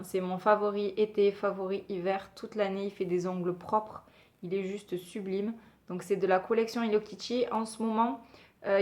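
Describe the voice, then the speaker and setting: A woman's voice: mid-range voice, a little mellow. A woman talking casually as a beauty vlogger, chatty and hesitant with many fillers. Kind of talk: casual product review.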